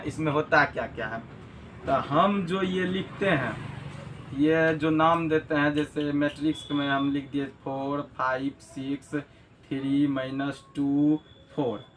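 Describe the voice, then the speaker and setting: A man with a voice on the high side teaches a classroom math lesson over slight background noise. He repeats key terms and asks rhetorical questions to check understanding.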